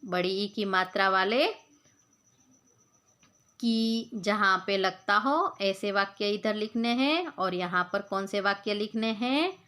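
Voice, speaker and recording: Slow, patient woman teacher. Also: medium pitch, sharp tone. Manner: patient, repeats points and asks the class questions; spells words out slowly sound by sound. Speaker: school teacher. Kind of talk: Hindi grammar lesson for children.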